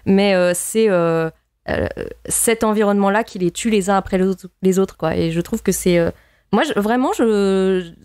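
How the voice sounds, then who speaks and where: A woman's voice: medium pitch, a little mellow, clear, resonant tone, no room sound, studio quality. A woman in a casual film discussion, analytical and opinionated, often repeating words as she works out her point.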